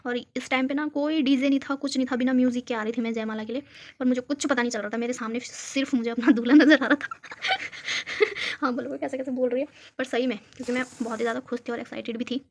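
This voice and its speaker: Young female home vlogger from Uttarakhand, chatty and giggly, talks to viewers on a phone; highish, even-toned voice. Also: rapid-fire, slight background noise. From Uttarakhand, India. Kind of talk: casual chat showing a photo album. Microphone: phone camera.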